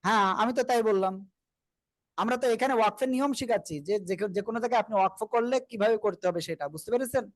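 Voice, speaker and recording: A man leads an online Quran recitation class, patiently drilling pronunciation and calling on everyone to repeat together. His voice sits high, and the sound is close and dry with no room around it. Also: fast talker, dry recording. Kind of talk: online group class teaching.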